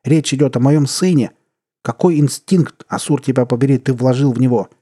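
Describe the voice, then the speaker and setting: A man's voice: on the low side, expressive, normal speed, dark tone, husky. A man voicing a weary middle-aged king and stern, worried father in a read-aloud story. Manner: heavy, stern, bitter.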